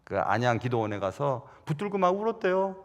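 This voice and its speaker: A middle-aged man preaching a Sunday sermon, telling stories with sudden loud rises and soft drops. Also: on the high side, big pitch swings, brisk, big-room sound. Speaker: pastor. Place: large church sanctuary.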